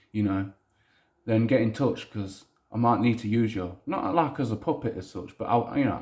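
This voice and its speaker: A man's voice: fairly low pitch, a little mellow. A man with a Leicester accent talking off the cuff in a blunt, sweary, self-deprecating way, like a maker presenting his own project. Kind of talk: casual unscripted monologue. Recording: roomy, echoey indoor sound.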